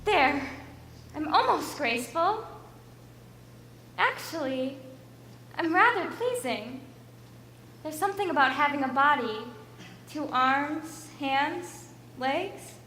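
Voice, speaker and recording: A shy, unhappy young girl dressed in ash rags, hesitant and full of self-doubt, played by a young woman on stage. Her voice is very high, slow and lively. She sounds distant from the mic, echoing through a large hall, with faint music behind. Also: a little hiss or hum, full character voice. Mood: wondering. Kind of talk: school stage play.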